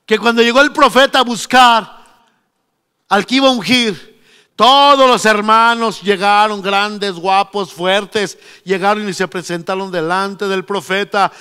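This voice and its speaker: A man's voice: high voice, fairly even intonation, unhurried, pushed and bright, clean tone. A man preaching a sermon, emphatic and storytelling. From Mexico. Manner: storytelling, emphatic, acting out quotes. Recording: long reverb of a church hall.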